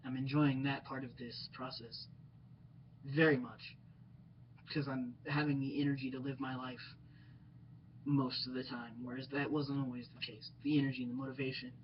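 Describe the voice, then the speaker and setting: A young man speaking in a personal video diary, reflective and hesitant, with many pauses and ums. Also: mid-range voice, little pitch movement. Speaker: vlogger. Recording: slightly dull lo-fi sound with faint noise.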